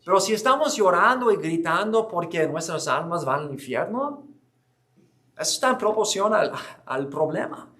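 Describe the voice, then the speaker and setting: A man's voice: high voice, animated, normal speed, sharp tone. A man giving an earnest church history lecture, explaining with frequent restarts and hesitations.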